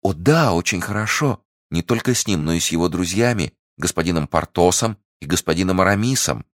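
A man's voice: low-pitched, animated, brisk, no room sound, studio quality, voice pushed up. A man voicing a timid, devoted young convent novice in love, speaking earnestly and trustingly. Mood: eager. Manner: earnest, trusting, easily startled.

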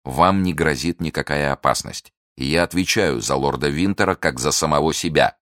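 A man's voice: rumbling low, normal speed, fairly bright tone, no room sound, clean studio sound. A man voicing a torn, devout young officer in an audiobook reading, grave and solemn. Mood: firm.

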